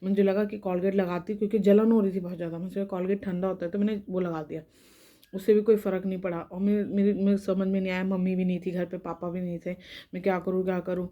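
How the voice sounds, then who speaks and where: A woman's voice: medium pitch, level tone, fast, highs cut off. A young woman tells a rambling personal story to camera, her tongue and lips sore so she talks carefully around the pain. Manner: rambling, restarting sentences, talking carefully around mouth pain. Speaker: vlogger.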